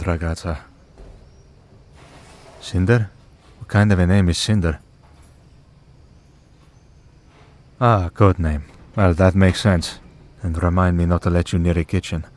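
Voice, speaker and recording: In an ASMR roleplay audio drama, a man voices a gentle, devout, weary priest who hunts vampires. He speaks low and solemnly at a measured pace with pauses, acting only lightly, and the mood is warm and wry.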